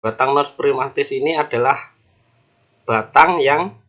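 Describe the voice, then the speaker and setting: A male university lecturer explaining engineering formulas step by step, with measured pauses as he reads each formula aloud. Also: medium pitch, a bit bright, highs cut off. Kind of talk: recorded online lecture.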